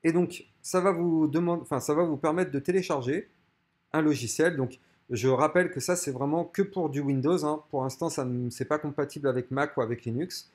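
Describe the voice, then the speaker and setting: A man's voice: fairly high pitch, a little fast, darkish tone. A man hosting his own channel, giving an informal step-by-step tutorial over a screen recording. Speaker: channel host.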